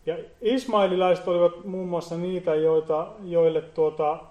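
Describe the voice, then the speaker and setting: A man giving an earnest Bible teaching, often pausing and repeating words as he explains. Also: high voice, steady tone, mellow, roomy sound. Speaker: preacher.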